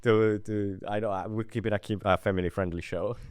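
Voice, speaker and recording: A male co-host in a chatty, expressive conversation. His voice sits a little low and sounds clean and smooth, recorded dry and close. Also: brisk, no echo. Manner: expressive, chatty, many fillers. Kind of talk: casual podcast chat.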